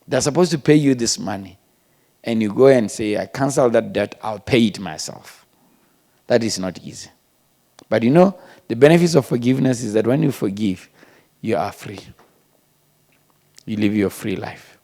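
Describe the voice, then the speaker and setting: Gravelly-voiced pastor from preaching. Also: male voice, medium pitch, lively intonation, moderate pace, long pauses. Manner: emphatic, swings between loud stresses and hushed asides. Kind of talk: sermon.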